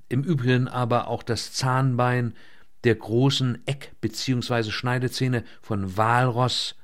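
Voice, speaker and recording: A man reading a novel aloud in a measured, scripted way, slowing down on key words. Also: medium pitch. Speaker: audiobook narrator. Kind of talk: scripted narration.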